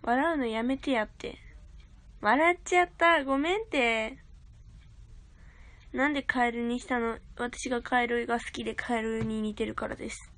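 Speaking at normal speed in a fairly high, fairly bright voice with fairly even intonation, a young woman chats with her livestream viewers from her grandmother's house. Using her phone, she thanks them for gifts and refers to herself as a big sister.

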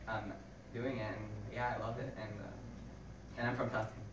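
A man's voice: lowish voice, little pitch movement, normal speed. A nineteen-year-old man introducing himself on a stage panel, plain and a bit hesitant. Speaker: youth program participant on a panel. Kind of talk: brief onstage introduction. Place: stage of a hall with an audience. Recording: echoey hall from far off, background noise.

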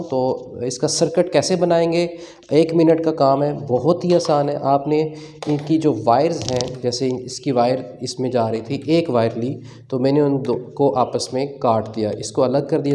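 A man with a dark, mid-range voice and a Pakistani Urdu accent hosts a hands-on tech tutorial at a table. As a tech channel host, he explains casually with many fillers, describing what he's doing while working with his hands.

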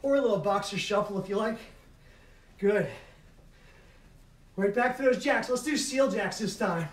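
A middle-aged man with a voice that sits high and a moderate pace leads a home workout as a fitness instructor, calling out aerobics moves and urging everyone on while he exercises himself. He's in a carpeted living room, recorded by a camera several metres away, so the audio is echoey, distant and noisy.

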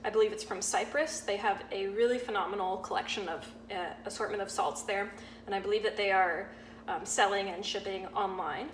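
A young woman, a sous chef, explaining a cooking demonstration step by step in a relaxed way, with frequent ums. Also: mid-range voice, brisk. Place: home-style kitchen, indoors. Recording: echoey kitchen with audible background noise.

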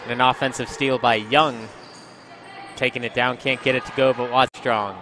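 A man calling basketball play-by-play, excited on each made shot. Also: medium pitch, normal speed, background noise. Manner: energetic, excited calls on made shots. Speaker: play-by-play commentator.

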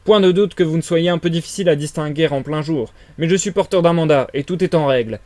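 A man voicing a stubborn, dutiful village police constable in a read-aloud story, speaking loudly and insistently. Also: a little high, fast, no room sound, pitched above the performer's own voice, lightly acted. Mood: firm. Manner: loud, insistent. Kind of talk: audiobook character reading.

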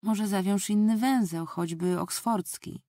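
A woman voicing a brisk, practical middle-aged wife in an audiobook, with a crisp, matter-of-fact delivery. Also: mid-range voice, warm tone, no room sound, clean studio sound, voice pushed up, lightly acted.

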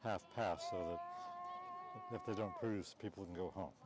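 Here a low-pitched man at a moderate pace calls a live outdoor contest in a cow pasture. His casual announcing is full of jokey banter with the crowd as he teases the people waiting.

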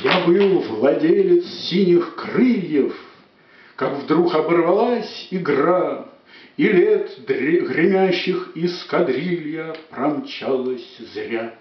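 A man giving a dramatic poetry declamation, with measured, emphatic phrases that swell and fall. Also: fairly high pitch, expressive. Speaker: poet reciting verse on stage. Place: echoey room, recorded at a distance. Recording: echoey room, distant dull microphone.

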